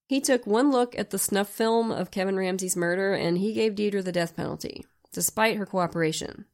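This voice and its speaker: A hoarse woman with a gravelly, croaky voice, telling true crime stories conversationally as a podcast host, in a wry, emphatic way. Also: mid-range voice, darkish tone. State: hoarse from a sinus infection.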